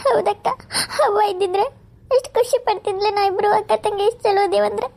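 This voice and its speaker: Weepy young sister voiced by a woman, high teary voice. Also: steady tone, fast talker, gravelly, a little mellow. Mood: tearful. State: crying.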